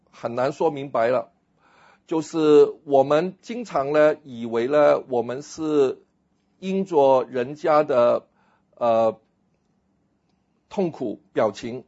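A man, a pastor, giving a lively lecture on a philosophy text, acting out little scenes and slipping in English phrases. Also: medium pitch, highs cut off.

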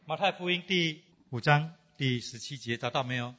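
A man's voice: a little high, moderate pace, sharp tone. A man preaching a sermon in a church, reading scripture aloud and asking the congregation questions, dropping in English fillers. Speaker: pastor. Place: church hall. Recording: dull hall recording with long reverb.

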